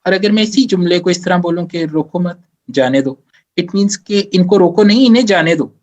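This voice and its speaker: A man's voice: high-pitched, fairly quick, darkish tone, lo-fi sound. A man giving career advice in a live question-and-answer workshop. He explains step by step, mixes English phrases into his speech and often checks in with "theek hai". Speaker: career advisor.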